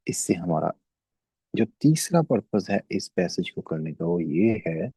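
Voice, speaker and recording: Gravelly low-voiced man teaching German. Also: big pitch swings, warm tone, no room sound, rough recording. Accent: Pakistani. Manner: explains slowly with repeated check-ins. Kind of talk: classroom lesson explanation.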